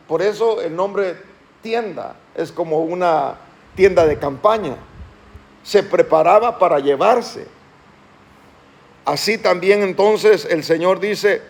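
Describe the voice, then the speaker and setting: A man preaching a sermon as pastor of his church, slowing down and lifting his voice when he reads scripture aloud, and calling on the congregation to respond. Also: high voice. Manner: asks the congregation questions and calls them to respond.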